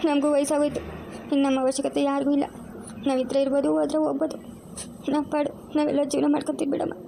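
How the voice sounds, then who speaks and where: A sorrowful older mother speaks slow, tearful words in a high, mellow voice, played by a woman. She sounds wounded and resigned. This is an amateur family drama. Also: monotone, creaky, a little hiss or hum. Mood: anguished. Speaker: mother Akhilamma.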